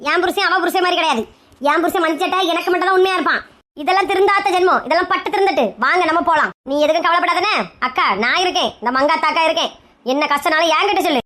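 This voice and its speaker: A woman's voice: very high voice, rapid-fire, bright, forceful tone, pitched below the performer's own voice. A woman with a Kanyakumari Tamil accent voicing a bossy, stern middle-aged village woman in a comedy skit, scolding and giving orders. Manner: scolding, commanding.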